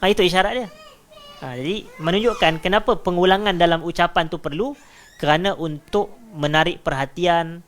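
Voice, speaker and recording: A man's voice: a bit bright, slight background noise. Malaysian man giving a scripture lesson. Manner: recites Arabic verses slowly, then explains them word by word; raises his voice for emphasis, then drops low. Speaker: religious teacher. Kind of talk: religious lecture explaining scripture.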